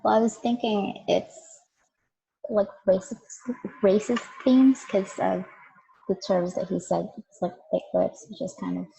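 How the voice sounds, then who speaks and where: A woman's voice: medium pitch, steady tone, measured pace, vocal fry, mellow, breathy edge, rough recording. A teenage girl, a student, answering hesitantly in an online class. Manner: hesitant, uses fillers. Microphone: video call.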